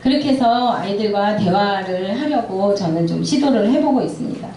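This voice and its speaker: A woman's voice: mid-range voice, expressive, moderate pace, far from the mic, slight background noise. Middle-aged woman speaking in an echoey church hall. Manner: warm storytelling, acts out quoted dialogue. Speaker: seminar speaker for parents. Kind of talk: church parent seminar talk.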